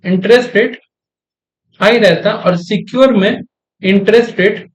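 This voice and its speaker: Young male lecturer, high pitch, drills terms, keeps asking students if it's clear. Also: unhurried. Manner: asks the class frequent check questions; repeats key terms for emphasis. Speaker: commerce teacher. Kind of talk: classroom lecture.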